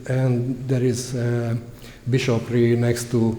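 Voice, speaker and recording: A man's voice: medium pitch, monotone, slow pace, dark tone, roomy sound, long reverb tail. A man from Hungary chatting casually as a traveling vlogger, in a plain, hesitant way. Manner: hesitant, simple phrasing. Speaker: vlogger, tourist. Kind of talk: casual chat. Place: large echoey church and museum.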